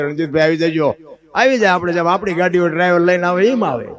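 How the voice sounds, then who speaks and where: A man with a Kathiyawadi Gujarati accent giving a folk devotional storytelling talk on stage. He asks many rhetorical questions and calls his listeners "bapu". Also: high voice.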